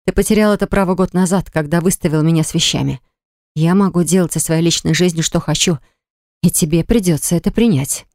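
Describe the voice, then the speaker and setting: A woman's voice: a little fast, dry recording, studio quality, natural voice. A reader voicing a stubborn, indignant young woman who is a mother, speaking sharply and defiantly in an audiobook. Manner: sharp, defiant, shrill when upset. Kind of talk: audiobook acting.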